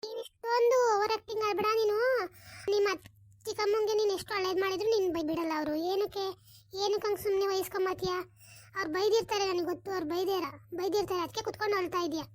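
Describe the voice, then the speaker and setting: A woman voicing a caring but scolding elder sister-in-law in a village cartoon, firing rapid nagging questions. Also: very high-pitched, fairly even intonation, no room sound. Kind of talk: cartoon voice acting.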